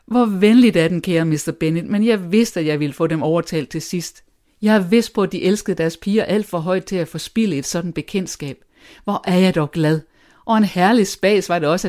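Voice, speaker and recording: A reader voicing a nervous, excitable middle-aged mother of five daughters in an audiobook, gushing and indignant by turns. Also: medium pitch, close to an everyday voice. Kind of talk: audiobook character voice.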